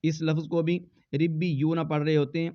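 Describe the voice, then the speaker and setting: A man teaching Quran recitation in a fairly high, smooth and resonant voice. He spells each word out letter by letter, then chants it slowly and draws it out. The sound is dull and lo-fi. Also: little pitch movement. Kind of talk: slow spelled-out recitation lesson.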